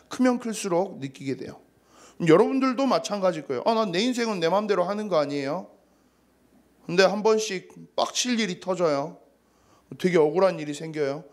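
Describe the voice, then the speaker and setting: Man, 30s, youth pastor, casual sermon, storytelling, slightly high voice. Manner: casual storytelling with acted quotes. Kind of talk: sermon to teenagers.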